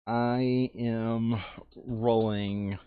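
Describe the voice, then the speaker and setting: Very slow and smooth, a medium-pitched man keeps a level tone while he chats casually over a board game, thinking aloud and muttering counts about his moves. The audio is dry, narrow and tinny.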